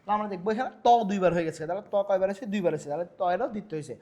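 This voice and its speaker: Young male tutor, high and fast, rhetorical-question lecturing style. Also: a little mellow. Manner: repetitive, quizzing himself with rhetorical questions. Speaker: Bengali grammar teacher. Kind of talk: exam-prep lecture over slides.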